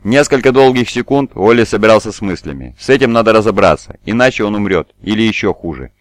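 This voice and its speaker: A man reading an audiobook in scripted narration, at a measured, even pace. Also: on the low side, no echo. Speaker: audiobook reader.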